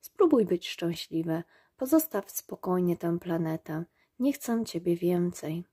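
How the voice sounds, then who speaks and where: A woman voicing a proud, delicate female rose in a storybook reading, gently and softly. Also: fairly low pitch, expressive, unhurried, slightly rough. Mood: tender.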